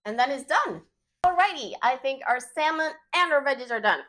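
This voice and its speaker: Her voice is high and her pace moderate as this woman, a native Swedish speaker with a Swedish accent, hosts a cooking show. She runs a relaxed, chatty demonstration from her home kitchen, using many fillers.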